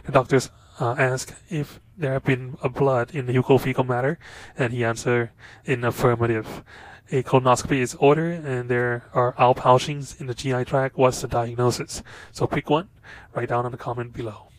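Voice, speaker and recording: A man with a nasal, stuffy voice from a cold, teaching a recorded lecture in a halting way with many fillers. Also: medium pitch, fairly even intonation, no echo. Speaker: instructor.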